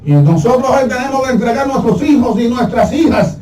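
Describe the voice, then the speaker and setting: Pastor preaching in an echoey church. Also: male voice, extremely high pitch, lively intonation, fairly quick, recorded from a distance, crowd noise. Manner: storytelling with humor, acting out voices. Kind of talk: sermon. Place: church sanctuary. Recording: echoey hall from afar, faint noise.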